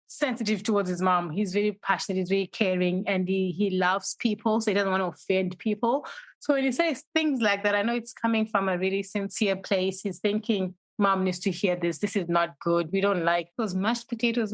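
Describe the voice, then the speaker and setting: A woman in her forties from Zimbabwe tells stories as a guest on a podcast. She talks warmly and laughs often, her voice jumping up when she quotes others, heard in a dry, close recording. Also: medium pitch, no room sound, poor audio. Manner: laughing, storytelling, animated when quoting. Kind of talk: casual interview chat.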